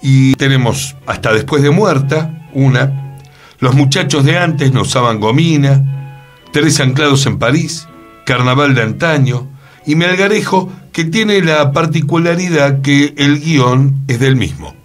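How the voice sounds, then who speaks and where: Speaking with a Rioplatense Argentine accent, this actor and radio co-host chats through theatre history, tossing in rhetorical questions. His medium-pitched voice is unhurried, with soft music playing in the background.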